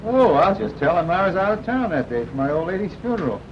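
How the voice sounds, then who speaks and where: A brash, spirited worker in an old 1940s film. He talks fast in a high voice over a noisy soundtrack. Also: big pitch swings, dull audio. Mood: flippant.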